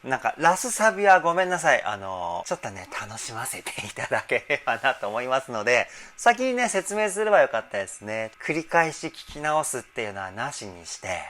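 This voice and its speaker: A man working as a vocal trainer, giving casual, enthusiastic analysis of a music video's singing and breaking in with excited remarks as he explains. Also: medium pitch, a little fast, hardly any pauses.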